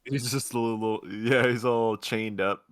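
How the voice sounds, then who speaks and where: A man's voice: medium pitch, steady tone, measured pace, no room sound. A man chatting casually about comics, jokey and easygoing. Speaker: podcast co-host.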